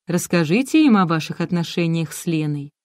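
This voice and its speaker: An icy, condescending middle-aged woman speaks in a low, unhurried voice, read out by a female narrator. She sounds bored and dismissive, and the recording is dry and close. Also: animated, darkish tone, no echo, close to an everyday voice. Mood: cold. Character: cold, haughty middle-aged woman, indifferent mother. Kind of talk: audiobook character reading.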